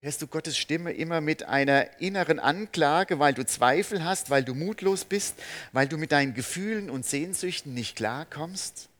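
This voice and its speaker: A man preaching a sermon, earnest, asking his listeners direct questions, swinging between emphatic peaks and soft, slow passages. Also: fairly high pitch.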